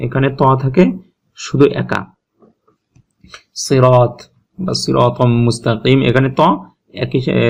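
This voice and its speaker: A man's voice: medium pitch, gravelly. A man teaching Quran recitation step by step, patiently repeating each sound and checking in with his listeners. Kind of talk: step-by-step tajweed lesson.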